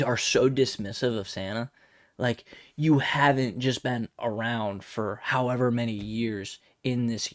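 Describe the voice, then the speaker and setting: A man's voice: mid-range voice, no echo, studio quality. A man ranting to his viewers in a casual comedic vlog, exasperated and profane, rambling with frequent restarts. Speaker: vlogger. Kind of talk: casual comedic rant to camera.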